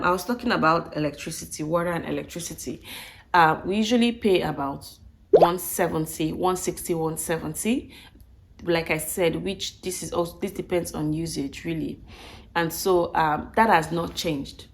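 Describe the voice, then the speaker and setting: A vlogger recovering from the flu speaks in a croaky, low-sitting voice as she casually walks viewers through a budget breakdown. She often repeats and rephrases herself as she goes along.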